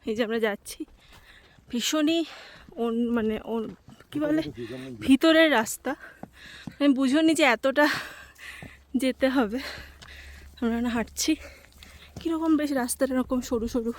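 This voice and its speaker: A woman co-hosting a casual travel vlog with her husband, relaxed and plainly explaining. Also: sits high, measured pace, pauses often, slight background noise. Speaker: travel vlogger, co-host.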